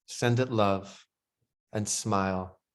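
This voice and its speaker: A man with a fairly low pitch and steady tone guides a breathwork meditation. He gives slow, soothing instructions that turn softer and quieter during the relaxation passages.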